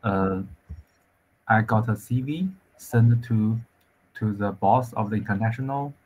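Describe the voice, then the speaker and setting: A man from China, an engineer talking over a video call, with many pauses, fillers and restarts. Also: on the low side, a little mellow, slightly rough, highs cut off. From central China. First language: Chinese. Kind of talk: casual conversation practice.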